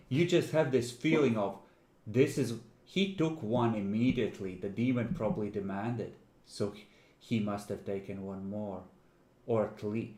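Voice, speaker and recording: A man's voice: lowish voice, mellow, roomy sound. A man running a tabletop role-playing game as game master, narrating conversationally in a teasing, dramatic way.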